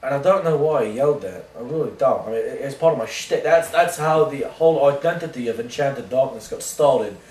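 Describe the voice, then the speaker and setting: A man playing an oblivious washed-up rock singer in a mock interview, rambling deadpan through absurd tangents. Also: mid-range voice, natural voice. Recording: roomy sound from a distant mic.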